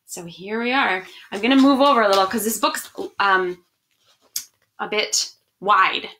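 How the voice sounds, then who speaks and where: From a small room at home, an education director reads picture books online to children, chatting expressively and warmly with her young viewers. Her medium-pitched voice is unhurried, pushed and bright, with slight background noise.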